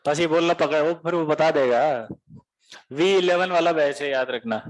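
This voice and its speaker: High-voiced teasing male teacher. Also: normal speed, rough recording. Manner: joking, teasing, talks straight to students. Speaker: coaching teacher. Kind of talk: classroom lecture. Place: classroom.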